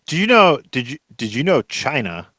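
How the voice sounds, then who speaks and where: A man's voice: mid-range voice, very animated, moderate pace, bright, forceful tone. Laid-back man co-hosting a podcast. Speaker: podcast co-host. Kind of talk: casual chat.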